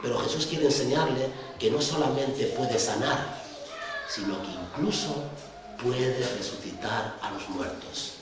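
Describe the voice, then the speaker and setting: A male pastor with a Spain Spanish accent giving a sermon in a conversational way, often ending phrases with tag questions. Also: medium pitch. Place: church hall. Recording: echoey church hall, distant mic, faint noise.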